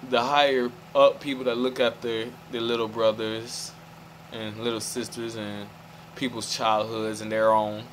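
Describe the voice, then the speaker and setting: A man's voice: mid-range voice, level tone, a little slow, poor audio. Male vlogger, mid-range voice, rambling stream-of-thought delivery, faint motor hum underneath. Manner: meandering, restarts, keeps asking "you feel me". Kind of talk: rambling monologue to camera.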